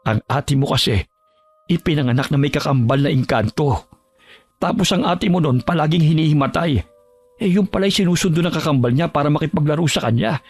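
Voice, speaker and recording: A man's voice: a little high, a little fast, slightly rough, dry recording, voice pushed up. A man voicing a worried middle-aged father, soothing and pleading in an audio horror story. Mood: explaining.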